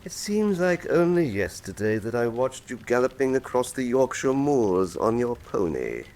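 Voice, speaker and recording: An actor playing Professor Moriarty, an older English criminal mastermind, in a radio drama, with courtly, condescending, faintly menacing formality. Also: male voice, mid-range voice, big pitch swings, normal speed, darkish tone. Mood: mock affable. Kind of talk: full-cast radio drama acting.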